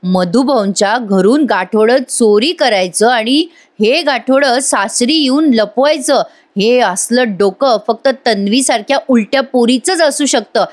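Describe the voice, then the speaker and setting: A woman voicing a brisk young husband who hurries his words and mutters his plans to himself. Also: on the high side, lightly acted. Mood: thinking.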